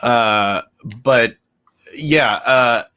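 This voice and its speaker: A man's voice: medium pitch, very slow, pushed and bright, smooth. A middle-aged man hosting a casual group podcast chat, talking in a rambling way full of fillers. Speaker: podcast host.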